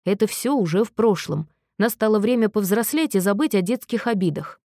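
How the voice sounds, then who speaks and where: A woman voicing a gentle, earnest young man who speaks in a soft, measured, reproachful way. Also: mid-range voice, expressive, no room sound, studio quality. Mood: firm, reproachful.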